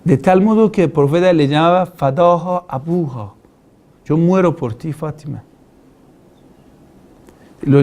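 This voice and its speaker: A male cleric lecturing a class, with a voice a little higher than most men's. He asks the room questions and recites Arabic passages before explaining them in plain terms. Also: a little mellow. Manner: preaching with rhetorical questions and Arabic quotations. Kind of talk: religious lecture.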